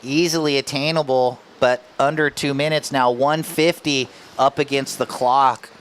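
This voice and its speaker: A man's voice: medium pitch, fairly even intonation, normal speed, a bit bright, slight background noise. A man doing live surf contest commentary, calling scores and priorities in a laid-back, casual surfer way with slang.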